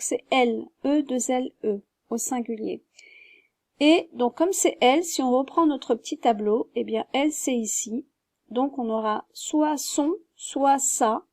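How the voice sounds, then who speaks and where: A woman's voice: sits high, mellow, no echo, studio quality. A woman teaching a French grammar lesson, patiently explaining step by step and spelling words out.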